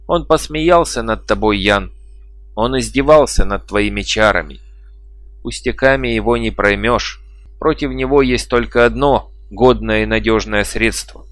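Stubborn scornful chief, low voice, dry sound, read by a man. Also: a little slow, fairly bright tone, dry recording. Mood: insistent. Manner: reproachful, sneering.

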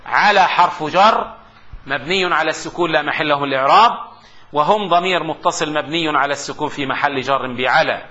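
A man's voice: on the high side, fairly quick, pushed and bright. A middle-aged man, giving a classroom grammar lecture, repeating terms for dictation and joking with his students. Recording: muffled lecture recording with faint hiss.

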